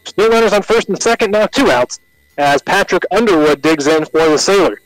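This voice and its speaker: A man with an American accent calling live baseball play-by-play on the radio in short, measured announcer phrases. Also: high-pitched, no echo, faint music behind, poor audio.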